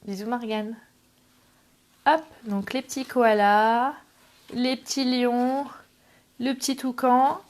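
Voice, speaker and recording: A woman's voice: fairly high pitch, level tone, slow, long pauses. A middle-aged woman hosting a casual live craft tutorial, chatting with viewers and greeting them by name between steps. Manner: chatty, greets viewers, self-deprecating asides. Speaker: craft livestream host. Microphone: camera on tripod.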